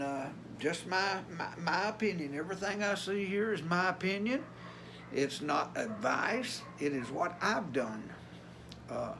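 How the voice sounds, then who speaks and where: High-voiced older man, Appalachian Tennessee accent. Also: a bit bright, slight background noise. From Tennessee, USA. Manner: folksy, plainspoken. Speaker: vlogger. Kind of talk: casual vlog talk.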